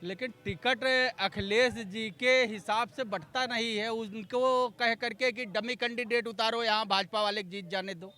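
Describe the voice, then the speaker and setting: A man on a debate panel who insists on his claim and gets loud when he is challenged. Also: high-pitched, steady tone, moderate pace, hardly any pauses.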